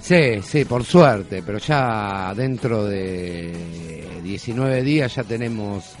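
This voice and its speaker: A man's voice: on the low side, animated, slow pace, faint music behind. A man, a regular on a casual radio talk show, making short teasing remarks.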